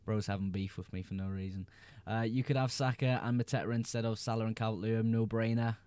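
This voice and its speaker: A young Englishman runs a casual livestream, reading out viewers' questions and answering each in a relaxed, easygoing way. His lowish voice is mellow and smooth, his pace quick, and the sound is close and dry with no echo.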